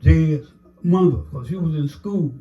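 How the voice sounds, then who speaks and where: A man's voice: fairly high pitch, measured pace, lo-fi sound. An older man telling his life story in a casual interview, rambling with many "you know"s and acting out the dialogue he recalls.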